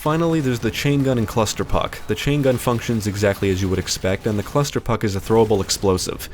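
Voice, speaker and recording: A man with a fairly low voice reads a scripted game review at a quick clip. It is a voice-over, with faint noise behind him. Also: a little mellow.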